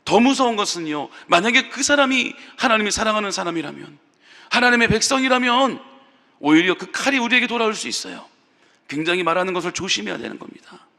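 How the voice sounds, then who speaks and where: A male pastor gives an early-morning sermon in a high, bright, ringing voice. He tells the story vividly and acts out the people he quotes. A long hall reverb trails each phrase. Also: expressive, quick pace. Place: church sanctuary.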